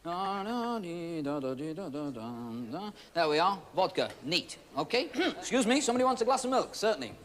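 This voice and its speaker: A man's voice: high-pitched, sing-song, quick pace, hardly any pauses, fairly bright tone. A man hosting a magic show, chatting and teasing through stage patter before a studio audience. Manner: chatty, teasing, playful asides. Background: audience noise and laughter.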